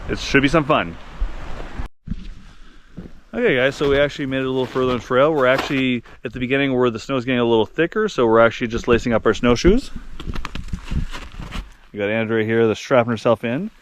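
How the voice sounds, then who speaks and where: A man hosts an outdoor adventure vlog in a casual, chatty way. He speaks to the camera out in the open, with faint noise in the recording. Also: mid-range voice. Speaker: host of a hiking vlog. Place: outdoors in winter mountains.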